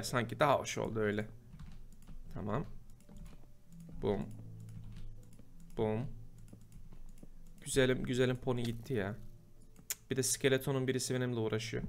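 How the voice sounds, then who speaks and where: Guy chatting through a minecraft build, yells at mobs sometimes, keyboard typing in background. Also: medium pitch. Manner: chatty, bursts into loud exasperated shouting at mobs. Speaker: gameplay host. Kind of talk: casual Minecraft let's play commentary.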